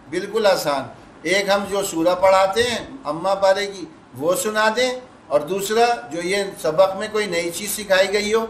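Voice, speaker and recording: A man teaching a tajweed class, patiently repeating key points and answering his own questions. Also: high voice. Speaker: Quran recitation teacher. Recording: echoey room with faint background noise.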